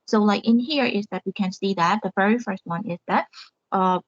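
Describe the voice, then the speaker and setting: A woman student presents to her class over a video call, hesitant and full of fillers, often stopping to correct herself. Her voice sits at a middling pitch and sounds dull and lo-fi. The sound is close and dry, with no room echo. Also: normal speed.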